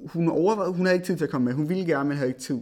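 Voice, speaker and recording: A young man co-hosting a casual podcast, relaxed and chatty. His voice is a touch higher than most men's, and he fills in the story with easy asides. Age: young adult. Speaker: podcast co-host. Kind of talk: casual chat.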